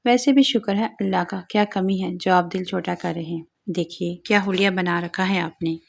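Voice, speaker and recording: A woman voicing a gentle, devoted young wife who soothes her husband affectionately, in a storybook reading. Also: on the low side, steady tone, creaky. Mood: soothing.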